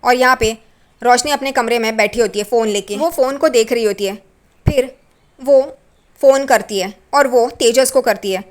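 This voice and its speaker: A woman's voice: fairly high pitch, moderate pace. A woman narrating an episode recap of a TV serial, adding gossipy asides that judge the characters.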